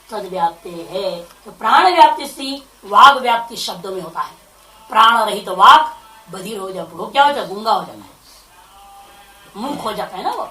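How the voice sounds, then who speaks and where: Heard far from the mic in a reverberant room, a female spiritual teacher with a fairly high, sharp voice comments on scripture. She unpacks the Sanskrit line by line, asking rhetorical questions along the way.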